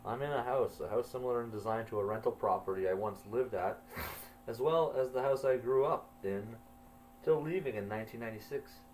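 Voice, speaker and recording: A man in his forties or older telling his own story in a measured, brooding, quietly puzzled way. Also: medium pitch, slight background noise, poor audio. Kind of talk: reflective first-person storytelling.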